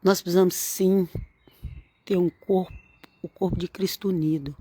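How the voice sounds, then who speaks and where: A woman's voice: lowish voice, fairly even intonation, moderate pace, mellow, slightly rough, no echo. Earnest woman preaching to camera. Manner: earnest, exhorting, repeats phrases for emphasis. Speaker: religious vlogger.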